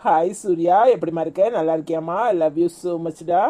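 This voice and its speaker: A woman voicing a kindly old cartoon grandfather with a Tirunelveli Tamil accent, greeting people slowly and affectionately. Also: on the low side, flat delivery, heavy background noise, voice pushed down, close to an everyday voice. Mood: warm.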